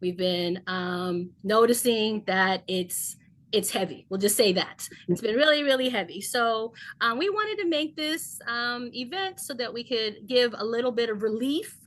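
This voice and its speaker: A woman's voice: a little high, expressive, measured pace. A woman hosting an online healing event over a video call, speaking earnestly with many ums. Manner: warm-paced, filler-heavy, earnest. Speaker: host, shamanic healer.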